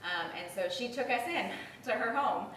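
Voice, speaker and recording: A woman presenting photos to a church group, talking in a relaxed, conversational way with frequent ums. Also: medium pitch, moderate pace, a little hiss or hum. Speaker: retreat facilitator presenting slides. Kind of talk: informal slideshow talk. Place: church meeting room. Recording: echoey room audio from a distant mic.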